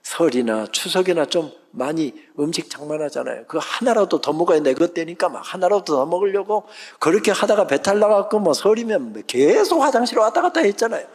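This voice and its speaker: A man's voice: high-pitched, very animated, fairly quick, hardly any pauses. A man in his sixties preaching a sermon, telling stories with dramatic voiced quotes. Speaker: pastor and seminary president. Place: large church sanctuary. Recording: long church reverb.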